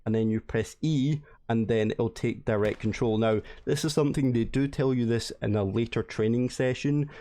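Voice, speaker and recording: A man's voice: medium pitch, moderate pace, few pauses, warm tone. A young man gives casual, rambling video game tutorial commentary, explaining things and repeating himself as he goes. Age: young adult. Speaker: gaming tutorial host. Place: indoor room at home.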